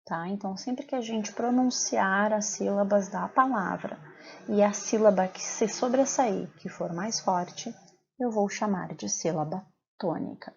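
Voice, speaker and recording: A woman's voice: medium pitch, unhurried, vocal fry, muffled recording, a little hiss or hum. A woman teacher with a Brazilian Portuguese accent, explaining a recorded lesson patiently and asking her pupils questions.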